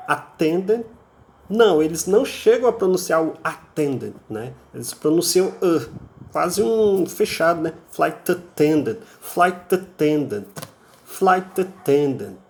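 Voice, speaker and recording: High-pitched with a darkish tone, this man teaches English in a recorded online class, his Brazilian Portuguese accent clear. He drills pronunciation through constant repetition, explains with patience, and tends to finish phrases with a checking tag.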